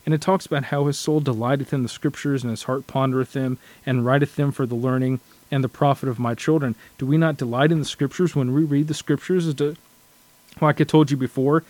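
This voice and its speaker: A man's voice: mid-range voice, fairly even intonation, fairly quick, darkish tone, dry recording. A man sharing his thoughts in a casual scripture study discussion, earnest and reflective, often restarting his sentences.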